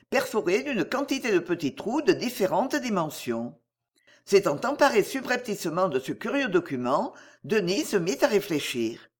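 An audiobook reader narrating a French novel chapter in a measured, expressive way. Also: medium pitch.

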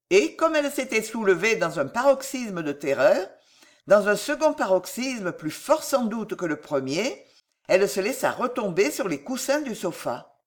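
Brief: male audiobook narrator, dramatic and lively in pitch. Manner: dramatic, expressive. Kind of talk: scripted narration.

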